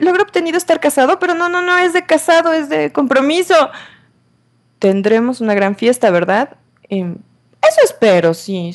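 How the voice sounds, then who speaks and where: A woman giving playful, chatty let's play commentary as a gamer, talking to the game's characters in a teasing role-play. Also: mid-range voice.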